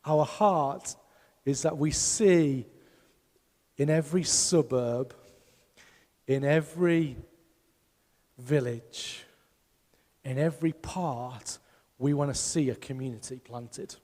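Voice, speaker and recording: A man's voice: mid-range voice, takes it slowly, long pauses, darkish tone, in a large hall. A man preaching a sermon as pastor, emphatic and putting rhetorical questions to his congregation. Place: church hall.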